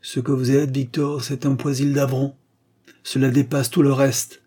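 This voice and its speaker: A man's voice: medium pitch, little pitch movement, unhurried, mellow, slightly rough, voice pushed up. A man voicing a stern, proud aristocratic father, an aging marquis, in an audiobook, solemn and insistent.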